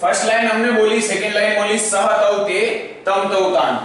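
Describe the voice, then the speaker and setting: A male school teacher giving a classroom lecture, chanting grammar forms in a slow sing-song tune and checking in often with "okay?". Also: sits high, steady tone, fairly bright tone. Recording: very echoey, far from the mic, faint noise.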